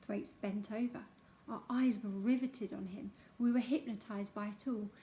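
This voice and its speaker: A woman narrating a childhood memoir aloud in an expressive storytelling manner. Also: medium pitch, moderate pace, a little hiss or hum.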